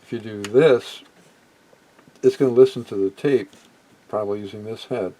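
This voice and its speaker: In a low-quality home recording with background noise, a middle-aged or older man with a warm, lowish voice speaks at normal speed. He's a hobbyist giving a hands-on, unscripted demo of vintage electronics equipment. His thoughts come out hesitantly and often fade before he finishes them.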